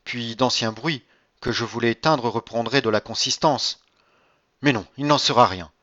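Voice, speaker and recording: A man's voice: mid-range voice, moderate pace, fairly bright tone, no echo, muffled recording, natural voice. A man voicing a proud, indignant French magistrate in an audiobook reading, speaking emphatically.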